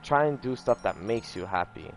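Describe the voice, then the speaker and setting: A man's voice: medium pitch, expressive, moderate pace, a little hiss or hum. A young man telling a personal story in casual, rambling chat over gameplay, swearing often and filling with "you know" and "like". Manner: rambling, profane, repeats himself with lots of fillers. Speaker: gaming streamer.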